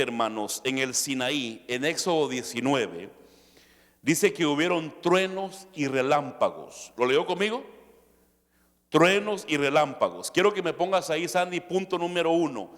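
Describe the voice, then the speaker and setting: A male pastor preaching a sermon, shifting between quiet asides and loud emphatic peaks. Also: a little high. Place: church hall. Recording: long hall reverb.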